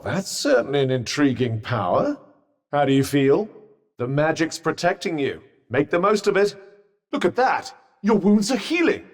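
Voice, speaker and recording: Cuff, a pompous, reverberant British magical cuff. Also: male voice, on the high side. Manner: pompous, dry, sardonic, wordy. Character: sentient magic cuff, droll, haughty, fussy male companion. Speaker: video game voice actor. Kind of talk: scripted game character banter. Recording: long reverberant echo on the voice.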